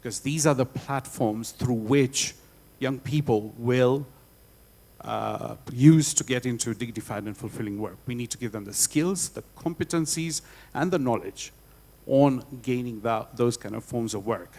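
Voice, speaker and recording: A man speaking as a foundation representative on a panel, explaining in a measured way. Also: mid-range voice, darkish tone. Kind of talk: panel discussion.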